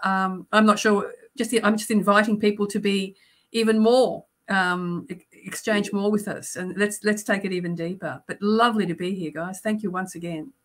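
A woman's voice: mid-range voice, fairly even intonation, moderate pace. A woman co-hosting an online discussion, hesitant with many fillers, inviting people to join in.

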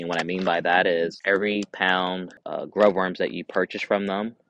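A man in his thirties talking casually outdoors in a backyard, in a relaxed way with fillers and restarts, as he reviews chicken feed for his vlog. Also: low voice, low-quality recording. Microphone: camera on a tripod a few meters away. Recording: faint outdoor noise with hens clucking. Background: chickens clucking.

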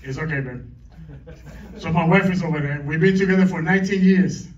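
A man's voice: on the high side, brisk. A middle-aged man doing a stand-up comedy set on a club stage, teasing the crowd with crude banter. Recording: echoey club, distant mic, dull lo-fi.

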